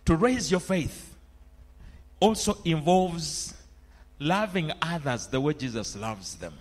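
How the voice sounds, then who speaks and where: A middle-aged Ugandan pastor preaches in a high-pitched voice. He moves from loud, rising exhortations to soft, reflective asides. Along the way he calls for amens from the listeners and slips into phrases of a local language. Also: lively intonation, takes it slowly. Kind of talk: sermon.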